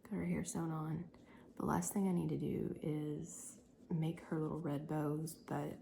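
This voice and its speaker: A tired woman vlogging her day as a crochet business owner and homeschooling mom, whispering softly and rambling with lots of ums late at night at home. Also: deep voice, little pitch movement, measured pace, vocal fry, slight background noise.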